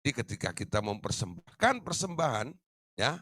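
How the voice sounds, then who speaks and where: A man's voice: mid-range voice, fairly quick, no echo, studio quality. A man preaching a teaching sermon as a pastor, chuckling often and acting out people's reactions. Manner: lively, chuckles often, acts out quoted reactions. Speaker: pastor teaching a discipleship class.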